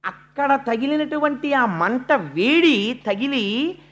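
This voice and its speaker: A religious discourse speaker telling a sacred story, moving between slow, emphatic lines and quick narration, and chanting verse. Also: high-pitched, lively intonation, a bit bright.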